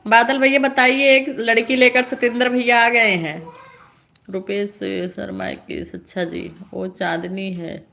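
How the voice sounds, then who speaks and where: A woman's voice: a little high, flat delivery, measured pace, gravelly, sharp tone. A woman hosting a casual live stream, greeting viewers and teasing them with frequent laughter. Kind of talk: casual live-stream chat reading comments.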